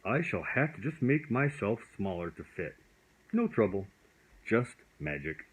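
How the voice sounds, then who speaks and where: A man's voice: lowish voice, very animated, measured pace, breathy edge, heavily acted, low-quality recording. A man voicing a friendly, whimsical magic dragon in a storybook, with polite, quaintly formal talk. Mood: kindly.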